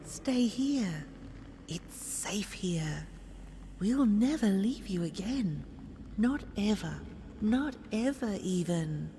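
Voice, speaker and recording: A woman voicing an eerily soothing, clinging mother in a video game, speaking slowly and gently. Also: medium pitch, lively intonation. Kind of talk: scripted video game acting. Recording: long reverb, background noise.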